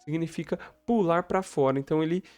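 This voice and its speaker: A man's voice: a little high, quick pace, darkish tone, dry recording. A man teaching English, reading story lines aloud and translating them, often checking in with the viewer. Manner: frequent tag questions to the viewer. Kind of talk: explaining a story for learners.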